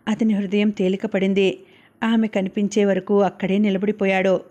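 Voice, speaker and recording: A woman narrating a novel as an audiobook, reading in a steady, even way. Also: mid-range voice, normal speed.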